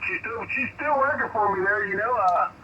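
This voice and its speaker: A man's voice: sits high, fairly quick, distant mic. American man over crackly, muffled radio. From United States. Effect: crackly two-way radio. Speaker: amateur radio operator. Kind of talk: casual radio contact chat with operator jargon. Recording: crackly, noisy, muffled shortwave radio signal.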